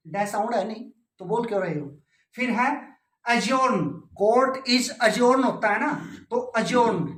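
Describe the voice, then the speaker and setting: A man's voice: high voice, a bit bright. Man teaching pronunciation, roomy and distant. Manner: explains patiently, repeats words and spells them out letter by letter. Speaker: English teacher. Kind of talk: classroom pronunciation lesson.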